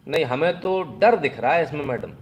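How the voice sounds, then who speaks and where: A man giving sarcastic news commentary in an animated voice, and he often speaks directly to the people he criticises. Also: a little high, moderate pace, highs cut off, slight background noise. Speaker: political commentator.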